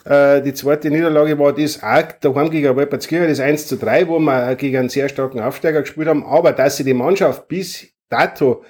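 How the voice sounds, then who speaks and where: A man's voice: a little high, fairly even intonation, fairly quick, few pauses, a little mellow. A man, a stadium announcer invited as a guest, talking casually with many fillers and restarts. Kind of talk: casual chat.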